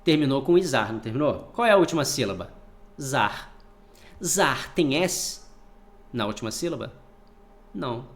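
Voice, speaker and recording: A man's voice: mid-range voice, normal speed, pauses often. A man teaching a spelling lesson for exam prep, asking questions and then answering them himself. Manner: lively, asks and answers his own questions.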